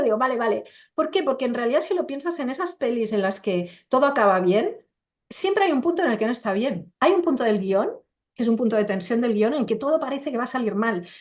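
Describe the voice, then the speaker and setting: A middle-aged woman, speaking as a coach and interview guest over a computer video call, emphatic and full of rhetorical questions. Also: on the high side. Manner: acts out quoted voices while explaining. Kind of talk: casual conversational interview.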